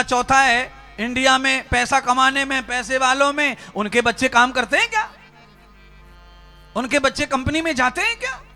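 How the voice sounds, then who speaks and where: A man's voice: very high voice, pushed and bright. A man giving a religious sermon, speaking fervently and rhetorically and addressing his listeners directly. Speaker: spiritual preacher. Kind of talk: Hindi religious discourse.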